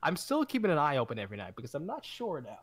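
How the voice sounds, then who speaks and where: A man talking earnestly in a casual podcast chat, often halting and restarting his sentences. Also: on the high side, wildly swooping pitch, a crowd in the background. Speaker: podcast co-host.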